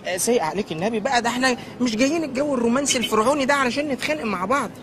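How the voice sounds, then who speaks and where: An eager, bookish history teacher. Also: male voice, extremely high pitch, lively intonation, very fast, background noise. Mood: pleading. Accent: Egyptian Arabic. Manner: lectures eagerly, coaxing and pleading. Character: earnest, bookish young male history teacher, sweet-talking. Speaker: history teacher on an outing with his fiancée.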